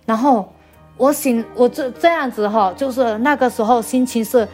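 Interview guest, woman from China, slightly high voice; halting, repetitive storyteller sharing her testimony. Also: darkish tone, faint music behind. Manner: hesitant, repeats words, trailing 哈 tags. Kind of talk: personal faith testimony storytelling.

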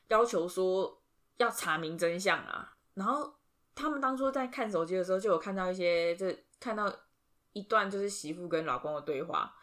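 A woman co-hosting a podcast, telling stories in an animated, chatty way with many fillers. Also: medium pitch. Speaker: podcast co-host. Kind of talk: casual chat.

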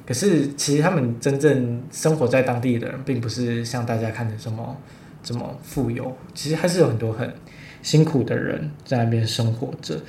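A man's voice: steady tone, normal speed, mellow. Hesitant male host, roomy sound. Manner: hesitant, many fillers and restarts. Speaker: podcast host. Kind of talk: casual interview chat. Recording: roomy echo, faint rumble.

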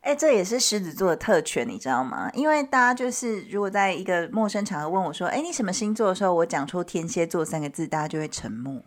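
A woman's voice: lowish voice, lively intonation, fast, hardly any pauses. A woman hosting a show in a casual, conversational style. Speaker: host. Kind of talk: casual chat.

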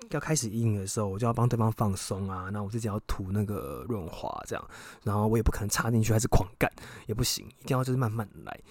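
A young man, hosting a podcast and telling a personal story casually, frank and excitable, swearing freely. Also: lowish voice, dry recording. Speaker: podcast host.

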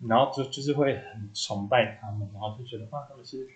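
A man's voice: medium pitch, fast. A man, co-hosting a podcast, telling a personal story in casual chat and acting out the quoted dialogue. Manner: animated storyteller who acts out quoted dialogue. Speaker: podcast co-host. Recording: echoey room.

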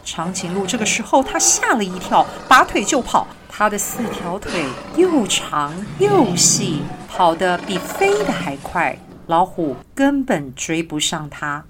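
A woman narrating a children's storybook in a gentle, expressive way. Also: fairly low pitch, measured pace, few pauses, background noise.

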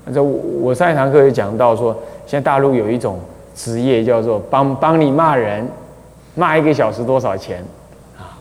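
A man, a Buddhist abbot teaching a class on the precepts, talking in a chatty way with many drawn-out "ah" fillers and small chuckles. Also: mid-range voice, darkish tone. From Taiwan. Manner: chatty, full of drawn-out "ah" fillers, chuckles at his own anecdotes. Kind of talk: dharma lecture explaining a scripture. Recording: long hall reverb.

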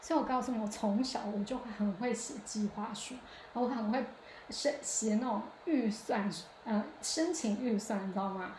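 Talking on her own in a casual podcast, a woman with a somewhat high voice speaks at a moderate pace, often hesitating and restarting as she thinks out loud. There is noticeable room echo and a bit of hiss or hum.

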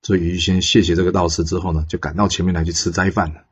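A man with a deep, husky voice tells an old legend in a chatty way, tossing questions at the listener. The sound is muffled and lo-fi. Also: level tone, rapid-fire. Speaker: storyteller. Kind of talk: casual storytelling of a folk legend.

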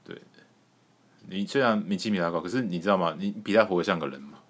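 Deep-voiced, joking Taiwanese man. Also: fast. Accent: Taiwanese Mandarin. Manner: joking and crude, laughing often, stumbling restarts. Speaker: podcast host. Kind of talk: casual podcast chat.

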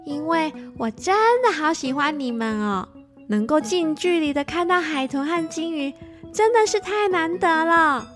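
A woman voicing an excitable little girl, very high. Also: a little slow, soft background music. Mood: sweet chatty. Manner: eager, bright, exclamatory.

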